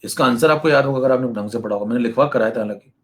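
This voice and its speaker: Man, young adult, chemistry teacher, online lecture, brisk, teasing, mid-pitched voice. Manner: brisk, teasing, acts out lazy students in asides.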